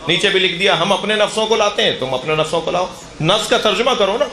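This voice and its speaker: A man arguing a point in a sermon, challenging and mocking, laughing as he goes. His high voice echoes in a room under loud noise. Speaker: religious scholar. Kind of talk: debating sermon.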